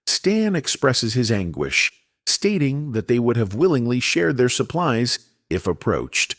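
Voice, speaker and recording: A man narrates in a steady, scripted storyteller's manner, with an animated melody that rises and falls through each sentence. His voice sits at an ordinary pitch for a man. The recording is close and dry. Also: no room sound. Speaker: comic recap narrator.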